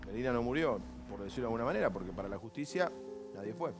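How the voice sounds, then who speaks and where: A man hosting a TV morning talk show in a brisk, conversational way. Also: mid-range voice, expressive, music in the background.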